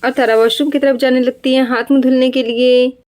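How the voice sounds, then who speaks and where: High-voiced woman telling a bedtime story. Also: level tone, brisk, darkish tone. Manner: simple, explanatory narration. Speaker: children's storyteller.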